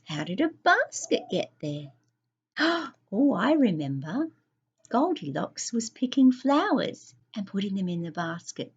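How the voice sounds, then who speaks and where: Slow, lively woman reading a children's story. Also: mid-range voice, breathy edge, lo-fi sound. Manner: asks young listeners questions, sing-song.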